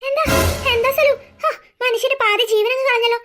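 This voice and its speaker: A short-tempered middle-aged cartoon husband, voiced by a woman, scolds in a gruff, clipped way. The voice is very high for a man and talks fast. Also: a bit bright, faint music behind. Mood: puzzled. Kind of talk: cartoon dubbing.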